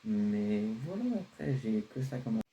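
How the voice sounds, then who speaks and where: A man's voice: fairly low pitch, animated, measured pace, gravelly, warm tone, highs cut off, a little hiss or hum. A man playing a carefree teenage son who defends his outfit to his father in a homemade comedy sketch, hesitant and full of fillers. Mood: casual. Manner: casual, pleading, hesitant with fillers.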